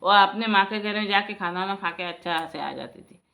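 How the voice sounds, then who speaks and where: A woman's voice: mid-range voice, fairly quick, gravelly, pushed and bright. A woman telling a personal family story in a casual, chatty way, speaking to her viewers as friends and often restarting her sentences. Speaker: storyteller, vlogger.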